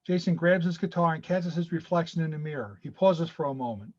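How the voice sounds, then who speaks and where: A man reads screenplay stage directions in a steady, matter-of-fact way, his voice a bit higher than most. The audio is dull and lo-fi from a video call. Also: a little fast. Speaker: narrator reading stage directions. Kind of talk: screenplay reading.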